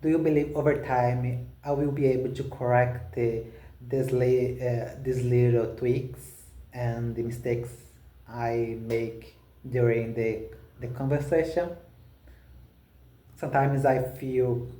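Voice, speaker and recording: A native Portuguese speaker from Brazil, a language learner practicing spoken English, talks haltingly with many restarts and fillers. His medium-pitched voice is warm with fairly even intonation, and the sound is roomy.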